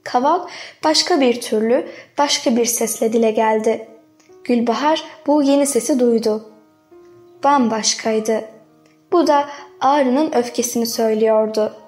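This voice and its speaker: A woman narrating a literary novel as an audiobook, reading in a measured, dramatic way. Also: on the high side, a little mellow, faint music behind.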